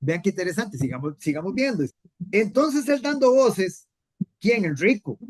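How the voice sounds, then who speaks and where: A woman's voice: mid-range voice, expressive, normal speed, darkish tone. A woman teaching a Bible class in an earnest way, repeating key points and asking rhetorical questions.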